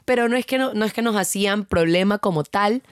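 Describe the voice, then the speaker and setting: A woman from Ecuador co-hosting a podcast, telling lively, teasing stories. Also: mid-range voice, brisk, clean tone, no echo, clean studio sound. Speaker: podcast co-host. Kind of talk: casual podcast chat.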